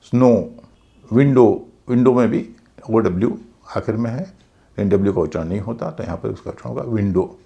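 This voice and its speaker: A man's voice: fairly low pitch, fast talker, creaky, dark tone, lo-fi sound. A male teacher giving a methodical lesson on English pronunciation, patiently spelling out words letter by letter. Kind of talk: explanatory lesson.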